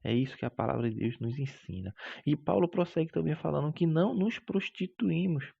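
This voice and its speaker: A man's voice: on the high side, animated, a little fast, vocal fry, warm tone, slightly rough, muffled recording. A man teaching a Bible lesson as a Sunday school teacher, preachy and emphatic, stretching out key words and calling his listeners brother.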